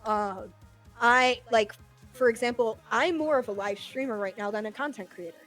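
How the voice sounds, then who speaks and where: A young woman with a fairly high voice talks casually and frankly, cussing and laughing between points. Faint music plays behind her. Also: normal speed, a bit bright. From United States. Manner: candid, swears freely, laughs often. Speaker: podcast host. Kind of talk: casual streamer chat.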